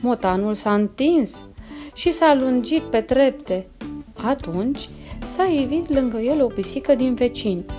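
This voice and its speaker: A woman reading a children's story aloud, slow and expressive. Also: high-pitched. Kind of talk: children's audiobook narration. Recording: soft instrumental music behind.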